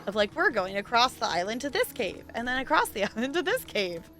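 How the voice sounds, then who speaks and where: Streaming a game, a woman in her twenties chats casually in a slightly high, sing-song voice that is fairly quick and a bit bright. Her commentary wanders from thought to thought, broken up by frequent laughter.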